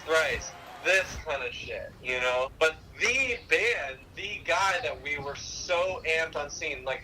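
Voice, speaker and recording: A man in his thirties telling a long, animated story in casual chat, acting out other people's voices and swearing casually. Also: fairly high pitch, background noise.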